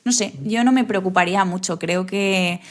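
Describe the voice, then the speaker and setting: A woman's voice: medium pitch, normal speed. Thoughtful woman talking in an interview. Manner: thoughtful, restarts phrases, frequent tag questions. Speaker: guest photographer. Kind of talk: reflective interview talk.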